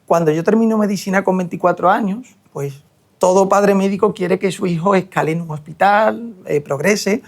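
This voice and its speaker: A young man from Seville, Spain, a hair transplant surgeon appearing as a guest in an interview, speaks reflectively with frequent hesitations. His voice is high-pitched and his pace moderate.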